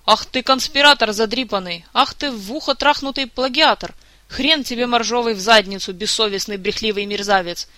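Picture an injured man, hoarse and furious, hurling one curse after another at whoever is nearest, as a reader acts him out. The voice is bright and loud, recorded dry and close. It belongs to a storybook reading. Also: sits high, fairly quick, no room sound. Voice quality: slightly hoarse, shouting curses. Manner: ranting, insulting, swearing. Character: furious wounded man, foul-mouthed and grumpy.

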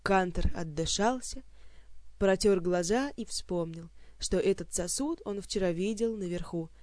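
Expressive audiobook narrator, mid pitch, dry close recording. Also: measured pace, no echo. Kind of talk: scripted fantasy narration.

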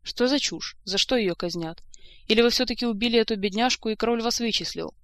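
A woman's voice: fairly high pitch, a little fast, fairly bright tone, no room sound, pitched above the performer's own voice. A woman reading the lines of a sensible, kind young court lady who speaks earnestly.

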